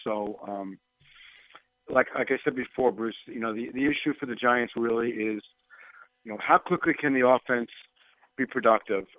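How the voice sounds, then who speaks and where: A man's voice: mid-range voice, normal speed, pauses often, no room sound, soft background music. Guy on the phone, tinny phone line, dry sound, rambles with lots of you knows and ums. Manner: loose, hedging, full of "you know" and "um". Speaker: sportswriter guest. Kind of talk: casual call-in chat.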